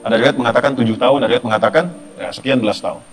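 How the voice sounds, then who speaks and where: A man's voice: medium pitch, steady tone, very fast, soft background music. A male Islamic preacher giving a conversational sermon, often asking the audience rhetorical questions.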